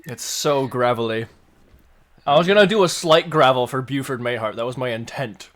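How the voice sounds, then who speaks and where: Chill guy dm on a stream, mid pitch, joking around, lots of ums. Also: moderate pace. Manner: relaxed, joking, explains rules with fillers. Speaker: game master. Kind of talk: running a tabletop game on a livestream.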